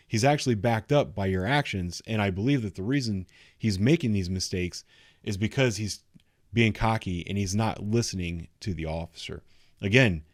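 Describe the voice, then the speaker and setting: Low-voiced man giving explanatory commentary. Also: no echo, studio quality. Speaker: commentator reviewing police footage. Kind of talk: unscripted explanatory video commentary.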